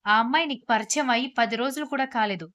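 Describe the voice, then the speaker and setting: A domineering older mother-in-law with a sharp, scolding manner, as a woman reads her lines. The pitch stays fairly high, in a plain storybook reading. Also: quick pace, no room sound, close to an everyday voice.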